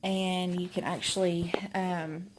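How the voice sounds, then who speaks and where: Young woman, casual home vlog, slow, rambling, a touch breathless. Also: lowish voice, flat delivery, heavy background noise. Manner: rambling, filler-heavy, friendly. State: slightly out of breath. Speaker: vlogger. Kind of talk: casual chat to camera. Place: home indoors. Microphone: phone camera.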